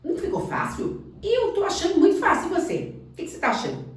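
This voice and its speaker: A woman teaching basic English in an online lesson, coaxing, asking the learner questions and slowing down on example sentences. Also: very high voice, huge pitch swings, very echoey, distant mic. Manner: speaks slowly on English examples.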